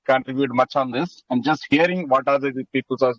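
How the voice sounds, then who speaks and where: A man's voice: mid-range voice, a little fast, a bit bright, no echo, lo-fi sound. A man talking on a car speakerphone while he drives, briefly apologizing in a casual online group discussion. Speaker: meeting participant.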